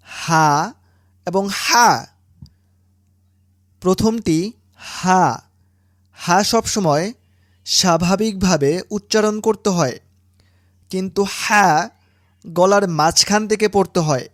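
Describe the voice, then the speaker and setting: A woman teaching Quran reading, pronouncing letter sounds slowly and deliberately, one syllable at a time. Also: medium pitch, no room sound, studio quality. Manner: slow, deliberate, drawn-out syllables. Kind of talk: slow instructional recitation lesson.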